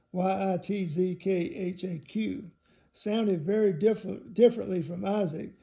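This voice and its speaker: A man reading a theology text aloud in a measured way, spelling out some words letter by letter. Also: sits high, gravelly, highs cut off.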